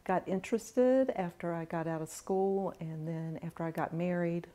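A middle-aged woman, a home cook being interviewed in a large home kitchen, talking in a relaxed, plain-spoken way with dry humor. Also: fairly low pitch, normal speed. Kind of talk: casual interview.

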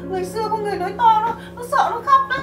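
A frail, doting old mother with failing memory, played by a woman, her voice pitched very high and repeating gentle words as if calming a child. The drama sound is roomy and caught from a distance. Music plays under her. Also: rapid-fire. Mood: soothing. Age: older. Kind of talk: melodrama acting.

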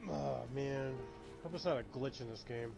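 A man's voice: mid-range voice, big pitch swings, a little slow, creaky. A man in a game session giving brief, matter-of-fact directions to his teammates. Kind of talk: casual gaming chat. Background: loud game music.

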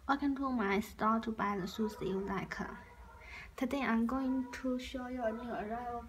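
Chinese-accented woman in a noisy recording. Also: a little high. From China. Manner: simple, halting English phrases, calmly naming parts. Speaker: online shoe seller. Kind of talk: product showcase narration.

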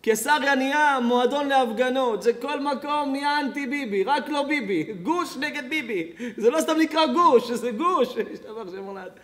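A rabbi giving a Torah lecture, acting out characters in dialogue and laughing often. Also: male voice, extremely high pitch, hardly any pauses, fairly bright tone. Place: community evening lecture.

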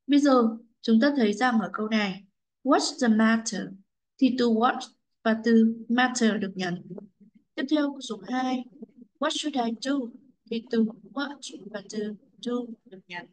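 A woman English teacher explaining a lesson to pupils in a clear, patient instructional tone. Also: on the high side, normal speed, a little mellow, a little hiss or hum, rough recording.

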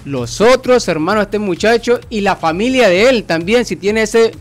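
A man from Nicaragua co-hosting a sports radio show, asking questions in a halting way. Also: high-pitched, animated, soft background music.

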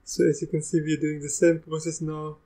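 A young man with a South African accent touched by Russian, hosting a live software tutorial in a chatty, easygoing way, restarting sentences as he goes. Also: fairly high pitch, little pitch movement, a little fast, low-quality recording. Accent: South African, with a bit of Russian. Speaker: tech tutorial host.

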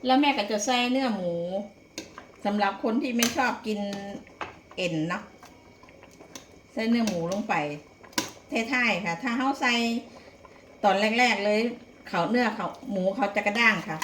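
A woman speaks with an Isan Thai accent in a folksy, chatty way, as if guiding viewers through a home recipe. Her pitch is average. The room rings with echo, and there is clear background noise with the clink of cookware. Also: a little slow, pauses often. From Isan, northeastern Thailand. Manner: folksy, chatty, with polite particles. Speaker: home cooking vlogger. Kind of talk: casual cooking demonstration, addressing viewers.

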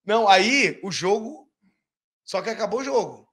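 Animated storyteller from Rio. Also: male voice, high voice, normal speed, husky. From Brazil. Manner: animated, acts out quoted voices, swears freely. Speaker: guest, former footballer. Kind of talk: casual storytelling.

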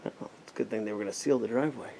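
He talks at a racing pace in a fairly low, gravelly voice. This American man in his forties is an urban explorer vlogger, narrating a casual vlog in and behind a derelict abandoned house with wry asides muttered to himself. The recording is noisy, from a handheld camera mic.

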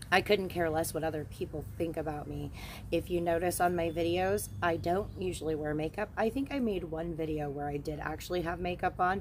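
Out in the woods, a witchcraft channel host in her forties talks frankly and casually into a handheld phone camera held at arm's length. Her voice is low, with a little hiss or hum, and her manner is relaxed and chatty.

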